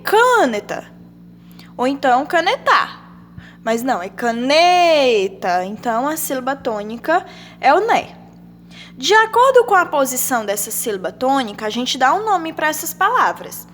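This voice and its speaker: Brazilian woman teacher, young adult, high and animated, sing-song questions for children. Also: slight background noise. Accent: Brazilian Portuguese. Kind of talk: children's grammar lesson.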